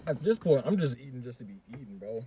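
A man's voice: mid-range voice, lively intonation, fast talker, mellow, slight background noise. A young man in casual chat with friends over a meal, joking bluntly in profane slang.

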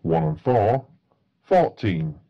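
A man's voice: medium pitch, sing-song, slow pace, vocal fry, muffled recording. A man working as a bingo caller, announcing numbers in set phrases with a matter-of-fact delivery.

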